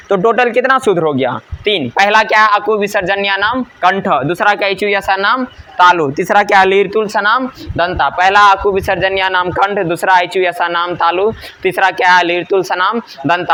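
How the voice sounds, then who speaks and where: High bright-voiced man drilling a lesson. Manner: asks and answers his own questions. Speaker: teacher. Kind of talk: grammar lesson with repeated drilling.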